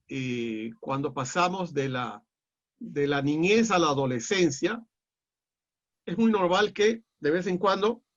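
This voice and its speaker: A middle-aged man with a Peruvian accent lecturing a class in a measured, explanatory way, often pausing on "eh". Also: fairly high pitch, fairly bright tone. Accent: Peruvian Spanish. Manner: measured and explanatory, with frequent "eh" fillers and restarts. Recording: dull lo-fi audio.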